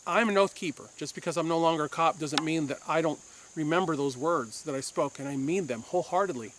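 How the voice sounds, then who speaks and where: A man's voice: fairly high pitch, brisk, background noise. A man from Puerto Rico, a former police officer, hosting a firearms channel and giving an insistent opinion monologue to camera, repeating his points for force.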